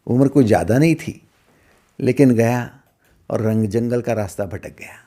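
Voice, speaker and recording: A middle-aged man giving a spiritual discourse as a teacher, asking rhetorical questions and swinging between loud emphasis and hushed asides. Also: medium pitch, normal speed.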